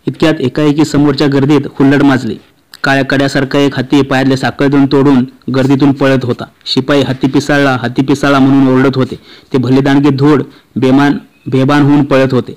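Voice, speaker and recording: A man reads a historical novel aloud, chapter by chapter. His pitch sits in the middle of the range and hardly moves, which gives a steady, monotone delivery. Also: fairly quick, rough recording. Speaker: audiobook reader.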